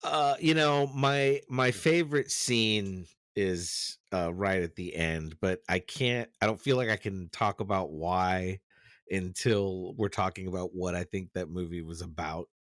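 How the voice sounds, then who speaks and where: A man's voice: deep voice, a little slow, a bit bright, dry recording, studio quality. A man chatting casually about a film on a podcast, rambling and restarting his sentences, often laughing as he tells a story. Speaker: podcast co-host. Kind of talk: casual movie chat.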